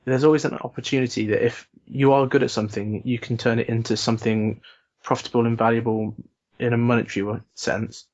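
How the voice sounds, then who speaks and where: A man's voice: medium pitch, flat delivery, fast talker, a little mellow. Earnest British man on muffled call audio. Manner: earnest, argues a point with conviction. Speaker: co-host. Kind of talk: casual podcast chat.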